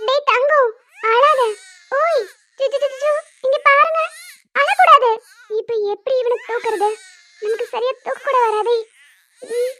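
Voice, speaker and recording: A woman voicing a squeaky young cartoon aunt. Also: steady tone, unhurried, pauses often, pushed and bright, heavily acted. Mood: panicked tearful. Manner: tender cooing, turns to tearful panic. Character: young woman caring for her orphaned baby nephew. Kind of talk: cartoon voice acting.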